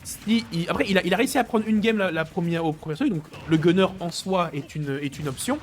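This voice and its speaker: A man's voice: sits high, fast talker. A man giving chatty colour analysis of a fighting-game final, with joking asides. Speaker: esports co-commentator. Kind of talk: live esports analysis. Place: esports venue. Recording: faint music underneath. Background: faint music behind the voice.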